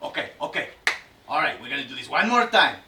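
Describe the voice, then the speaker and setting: A man's voice: mid-range voice, sing-song, quick pace, close to an everyday voice. An actor playing a harried, bossy commercial director in a comedy sketch, urgent and pleading as he gives orders. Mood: exasperated. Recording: roomy, distant mic, faint noise.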